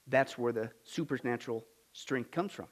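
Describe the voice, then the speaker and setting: A man's voice: mid-range voice, normal speed. A man preaching a sermon as a pastor, emphatic and exhorting, with rhetorical questions and short, punchy repetitions.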